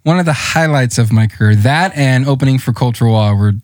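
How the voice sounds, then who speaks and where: A young adult man hosts a podcast with a mid-pitched voice and tells stories in casual chat. He acts out the people he quotes with lively shifts in his voice. The sound is dry and close to the mic. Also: a little fast, no echo. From South Dakota, USA. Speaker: podcast host.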